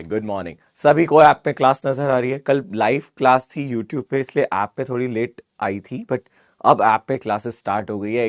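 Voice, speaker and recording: A man with a hoarse, sore voice, chatting casually as a live online physics teacher. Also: fairly low pitch, no echo, studio quality. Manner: chatty, repeats greetings, mixes English into Hindi. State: hoarse, sore throat from fever. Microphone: close mic, amplified.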